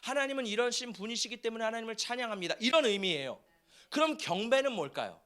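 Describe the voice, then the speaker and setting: A male pastor preaching a fervent sermon in a church sanctuary, often breaking into shouts. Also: very high voice, lively intonation, fast talker, smooth.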